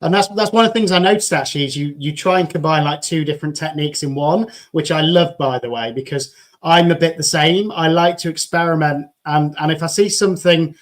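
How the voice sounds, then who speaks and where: A man from England hosts a live video chat, talking casually with enthusiasm and frequently repeating words as he starts sentences. His voice is on the high side and brisk.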